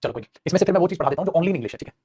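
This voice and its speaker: Rapid, husky-voiced Indian male teacher. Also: on the high side. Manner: fast, animated, calls students "beta"; switches between Hindi explanation and English example sentences. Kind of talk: online exam-prep grammar lesson.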